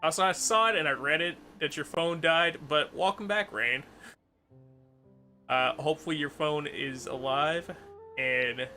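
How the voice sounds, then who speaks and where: Bright-voiced male game streamer. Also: a little high, a little slow. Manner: informal, slangy, reacting aloud. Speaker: video game livestreamer. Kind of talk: casual chatty stream commentary. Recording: faint game music behind.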